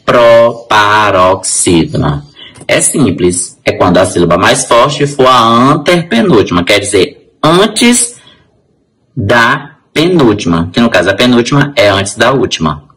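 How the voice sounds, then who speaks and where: A male teacher, explaining syllables to his class and spelling out example words slowly. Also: mid-range voice, sing-song, a bit bright, rough recording. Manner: addresses class directly. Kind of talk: grammar lesson.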